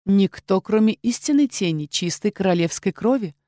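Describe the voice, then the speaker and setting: A woman voicing a calm, proud female shadow-dragon in an audiobook, speaking in a steady, dignified way. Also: medium pitch, a little slow, no room sound, studio quality, close to an everyday voice.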